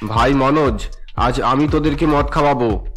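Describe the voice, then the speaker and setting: A man voicing a drunken husband in a cartoon, gruff and demanding, at times pleading. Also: medium pitch, moderate pace, soft background music, close to an everyday voice. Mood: bullying. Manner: demanding and gruff with his wife, pleading with God. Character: drunken husband, male, bullying then repentant.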